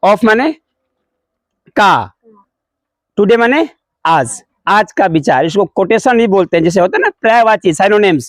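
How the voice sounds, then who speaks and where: A man's voice: sits high, animated, measured pace, pauses often, no room sound. A man teaching at a school prayer assembly. He leads call-and-response, repeats key words, asks questions and answers them himself, and mixes English phrases into his explanations. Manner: repeats key words, calls pupils "babu". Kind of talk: leading a morning school assembly lesson.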